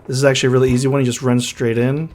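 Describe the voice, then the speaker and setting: A man casually narrating and commenting on his own gameplay, often dropping to a hushed, whispery voice while sneaking. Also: medium pitch, level tone, rapid-fire. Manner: chatty, drops to a hushed whisper when sneaking. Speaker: gaming YouTuber. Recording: faint music underneath.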